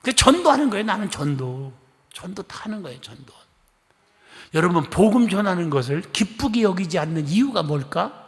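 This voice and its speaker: A middle-aged man from Korea's Chungcheong region preaches in a church sanctuary. His voice sits high and gravelly, leaping up and down as he tells stories and acts out conversations. Long hall reverb trails every phrase. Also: sing-song, moderate pace. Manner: chatty storytelling, acting out dialogue; coaxing the congregation to respond. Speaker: pastor. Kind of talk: lively sermon.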